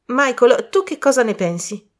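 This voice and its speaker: A woman voicing an eager, apologetic young male prankster in an audiobook, with a raised, loud, excitable voice. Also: a little high, normal speed, voice pushed up. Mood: eager, flustered.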